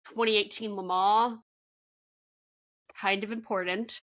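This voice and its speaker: Brief: relaxed woman co-host, middle pitch, chatty and quick to laugh. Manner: easygoing, chatty, laughs often. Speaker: podcast co-host. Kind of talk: casual chat.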